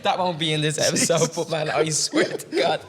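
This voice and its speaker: A man on a comedy podcast as a guest, excitable and sweary. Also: fairly high pitch, brisk. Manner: excitable, swears, laughs through stories. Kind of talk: casual comedy podcast chat. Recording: roomy reverb with faint noise.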